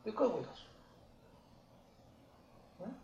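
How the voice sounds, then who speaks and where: A man giving life advice to a small group in blunt, rough, colloquial talk. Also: unhurried, mellow, roomy sound, muffled recording.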